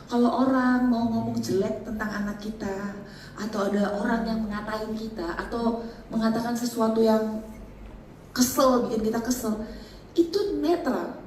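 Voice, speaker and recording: A woman's voice: fairly high pitch, steady tone, normal speed, darkish tone. Chatty, joking woman speaker in an echoey hall. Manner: chatty, joking, laughs often, mixes in English phrases. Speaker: seminar speaker. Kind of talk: lively church workshop talk. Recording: echoey hall, mic at a distance, faint background noise.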